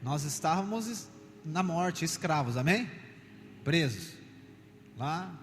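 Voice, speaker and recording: A man preaching a sermon, questioning the congregation in a conversational way and at times building to loud, slow proclamations. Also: on the high side, expressive. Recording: long hall reverb with faint music.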